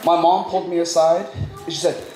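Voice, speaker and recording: A man's voice: fairly high pitch, little pitch movement, fairly quick, soft background music. A man giving a playful, joking wedding toast as the groom's cousin at a reception. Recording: echoey hall, loud room noise.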